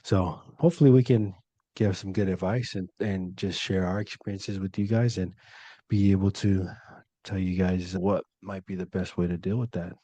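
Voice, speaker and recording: A young Polynesian man from California, co-hosting a podcast in a relaxed, slangy and earnest way. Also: sits low, moderate pace, no echo. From Polynesian, living in California. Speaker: podcast co-host. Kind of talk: casual podcast talk.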